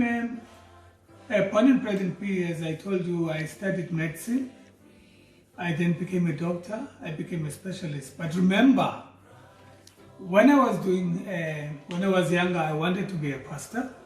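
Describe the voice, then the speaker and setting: Middle-aged South African man, high, earnest and measured, personal introduction, roomy off-mic sound. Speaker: doctor and theology student. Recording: roomy, mic at a distance, faint music.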